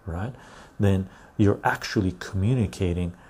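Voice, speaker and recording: A man's voice: low-pitched, normal speed, a little mellow, husky. A man hosting a live stream, reading viewer comments aloud and riffing on them in casual chat, often tagging "right?".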